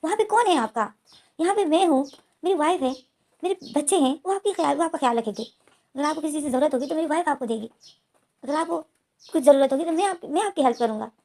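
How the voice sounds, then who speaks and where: A woman's voice: a little high, steady tone, fast, darkish tone. A woman voicing a devoted male assistant who coaxes politely and then holds firm. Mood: exasperated. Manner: coaxing, polite, turning insistent.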